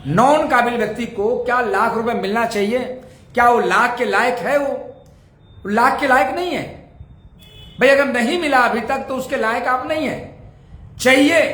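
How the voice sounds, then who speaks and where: A man's voice: very high-pitched, a bit bright, echoey room. A man leading a motivational network-marketing training, using rhetorical questions and repeating key points to drive them home. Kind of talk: motivational sales training talk.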